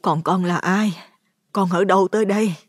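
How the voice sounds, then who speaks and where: A man voicing a gentle, grieving middle-aged mother who speaks softly and tenderly. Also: high voice, steady tone, normal speed, breathy edge, no echo, studio quality, pitched above the performer's own voice. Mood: gentle sorrow. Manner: soft and tender.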